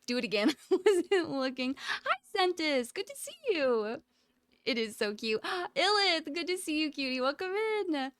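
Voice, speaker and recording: A woman livestreamer chats with her viewers in a casual, affectionate, rambling way, giggling often and frequently bursting into loud laughter. Her voice sits high and sing-song at a slightly slow pace, captured on a close USB mic with no room sound.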